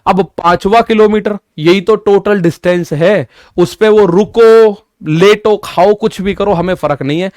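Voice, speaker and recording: A man's voice: high voice, a little slow, a little mellow, no room sound, clean studio sound. A male maths teacher giving an exam-prep lesson, explaining step by step, repeating key points and talking directly to his students.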